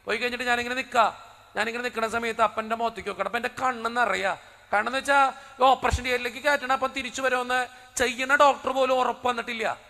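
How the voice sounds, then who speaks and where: Fast, high, gravelly-voiced priest preaching. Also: male voice, fairly even intonation, bright, forceful tone, long reverb tail. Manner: dramatic storyteller who acts out the dialogue. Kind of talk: sermon told as a personal story.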